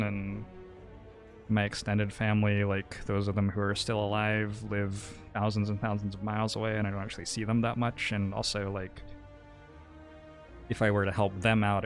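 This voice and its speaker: Chatting casually on a livestream, a New Zealand game streamer muses to his viewers in a hesitant, reflective way. His voice sits on the low side and has a creaky quality.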